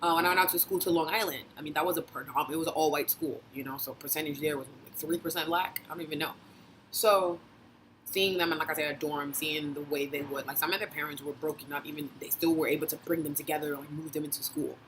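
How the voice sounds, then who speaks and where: A woman's voice: low voice, fairly even intonation, fast, fairly bright tone, slight background noise, rough recording. Passionate blunt young woman vlogging. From Brooklyn, New York. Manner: passionate, blunt, swearing, laughing often. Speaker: vlogger and dating blogger. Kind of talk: casual opinion monologue.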